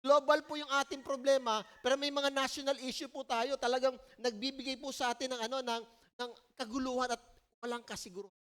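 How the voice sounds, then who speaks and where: A woman with a Filipino accent preaching a sermon at a church service in a conversational, animated way, often checking in with the listeners. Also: high voice, fairly quick. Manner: conversational, animated storytelling, frequent "po" and "no?".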